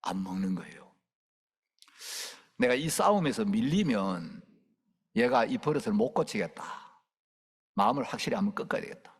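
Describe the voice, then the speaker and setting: 경상도 억양의 남자 목사가 꾸짖는 말투까지 흉내 내며 생생하게 설교한다. 높낮이가 크게 요동치는 활기찬 목소리가 긴 잔향이 남는 홀에 퍼진다. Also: male voice, on the low side, normal speed, long pauses, slightly rough, big-room sound. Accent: Gyeongsang. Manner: animated storytelling, acts out scolding voices. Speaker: pastor. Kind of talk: sermon with anecdote.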